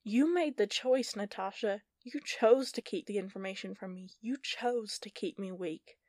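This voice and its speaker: Upset young princess, tense and slow, from the female narrator. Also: medium pitch, a little mellow, dry recording, studio quality, natural voice. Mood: defiant.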